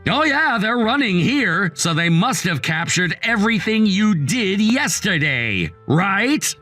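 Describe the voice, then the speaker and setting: Man doing a bright high betrayed husband, curt, icy, faint music. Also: big pitch swings, slow pace, exaggerated voice. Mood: cold. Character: cold betrayed young husband. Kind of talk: dramatized text story.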